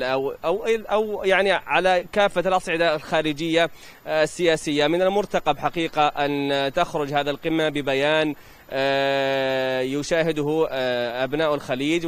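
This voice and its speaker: A man with a Saudi accent giving a live news report outdoors into a handheld microphone, halting as he searches for words. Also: fairly high pitch, clean tone. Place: outdoors in a large open plaza.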